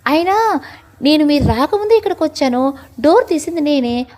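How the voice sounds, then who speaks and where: A woman's voice: sits high, expressive, normal speed, a little mellow. A woman doing a teasing young bride-to-be. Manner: teasing, mock-threatening. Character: playful bold young woman, teasing fiancée.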